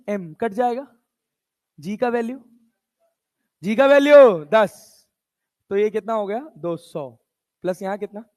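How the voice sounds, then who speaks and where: A man's voice: high-pitched, a little mellow. A male physics teacher lecturing a class, coaxing and teasing his students and scolding them casually.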